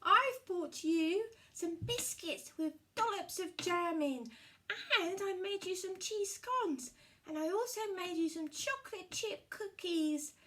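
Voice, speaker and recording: Puppet heroine played by a woman: innocent little girl, very high, sing-song, wide-eyed, swooping delivery. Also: expressive, slow, a bit bright, full character voice. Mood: cheerful. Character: innocent, sweet little girl in a fairy tale. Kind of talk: puppet-show storytelling.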